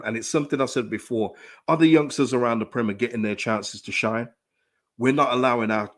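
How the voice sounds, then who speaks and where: Reading chat during a live stream, a football fan channel host talks emphatically about his club in a mid-range voice that's hoarse from a dry throat. His delivery is animated, full of repeated phrases and constant restarts.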